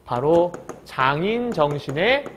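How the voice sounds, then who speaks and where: A man teaching a literature class, explaining a story by asking quick questions and answering them himself. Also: on the high side, lively intonation, fairly bright tone, slight background noise. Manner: breaks into short acted quotes of characters. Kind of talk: recorded classroom lecture.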